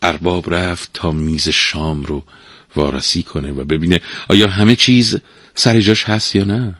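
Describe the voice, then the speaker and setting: A man narrating a storybook aloud, expressive and lively. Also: low-pitched, dry recording.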